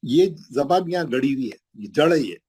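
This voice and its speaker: A middle-aged man teaching Quran pronunciation in an online class, patiently repeating each sound slowly for his pupils. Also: medium pitch, expressive, darkish tone, slightly rough, rough recording. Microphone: video call.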